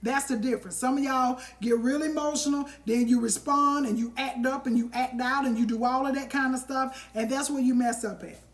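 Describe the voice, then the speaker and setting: Woman, live-stream host, fairly high voice, emphatic preacher-style motivational talk. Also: fairly even intonation, a little fast, few pauses. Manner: emphatic and preachy, addressing viewers directly with endearments.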